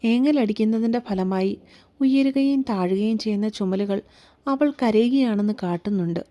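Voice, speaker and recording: Woman, story narrator, calm, measured, mellow dark tone. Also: medium pitch. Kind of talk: scripted narration.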